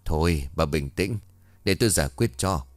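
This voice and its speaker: A man voicing a calm, commanding exorcist master. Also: extremely low pitch, normal speed, no room sound, pitched below the performer's own voice.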